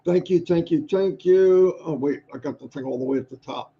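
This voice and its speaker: An older man co-hosting a casual livestream, chipper and rambling, a bit hoarse. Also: on the high side, normal speed, mellow. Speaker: livestream co-host. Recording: muffled lo-fi stream audio.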